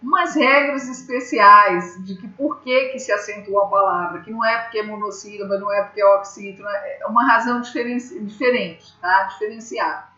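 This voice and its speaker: A woman's voice: mid-range voice, fairly quick, few pauses, bright, forceful tone. A woman teacher from Brazil giving a grammar lesson, patiently explaining step by step and checking in with her students. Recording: echoey room, slightly dull sound.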